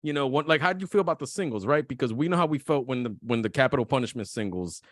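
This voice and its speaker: A man's voice: medium pitch, lively intonation, quick pace, no room sound, clean studio sound. A man co-hosting a podcast in casual chat, talking with enthusiasm, full of restarts and questions to his co-hosts. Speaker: podcast co-host. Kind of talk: casual podcast chat about hip hop.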